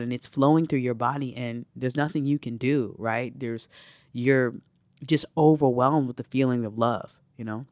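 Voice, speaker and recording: A man, a spiritual teacher, telling a personal spiritual story in a reflective way, often filling pauses with "you know". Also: medium pitch, dry recording, clean studio sound.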